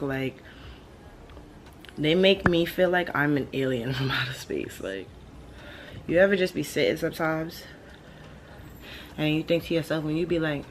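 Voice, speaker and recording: Chill stoner girl late 20s rambling to camera, slangy n sweary, bit of background noise. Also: deep voice. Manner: slangy, blunt, sprinkled with swearing. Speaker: vlogger. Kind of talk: casual rambling monologue to camera. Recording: steady background ambient noise.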